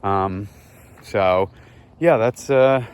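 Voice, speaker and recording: A man vlogging outdoors while walking through a neighborhood, rambling dryly with lots of fillers in a deadpan satirical way. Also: on the low side, drawn-out words, smooth. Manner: rambling, many fillers, dry.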